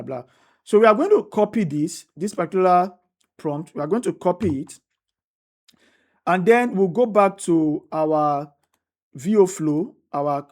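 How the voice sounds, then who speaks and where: A woman's voice: on the low side, a little mellow. A woman teaching a tutorial step by step, often repeating herself and checking in with "right?". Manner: repetitive, restates each step, asks "right?". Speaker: instructor. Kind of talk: screen-recorded tutorial walkthrough.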